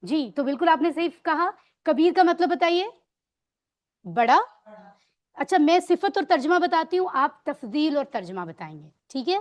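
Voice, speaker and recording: High-voiced woman teaching grammar. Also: expressive, lo-fi sound. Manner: patient quizzing, drills words with students; mixes English words into explanations. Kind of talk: online Arabic grammar lesson.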